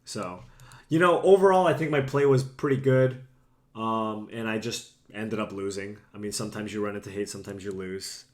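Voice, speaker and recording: A man's voice: on the low side, normal speed. A young man who is a bit sick and losing his voice, chatting casually with viewers on a live stream from a room at home. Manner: chatty, self-deprecating, talks to chat. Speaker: streamer playing a card game.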